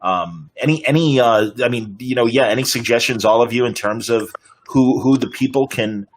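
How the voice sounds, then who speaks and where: Over a video call with poor audio, a man hosts and moderates a fan panel interview, asking hesitant, rambling questions. His voice is mid-range and his pace is normal.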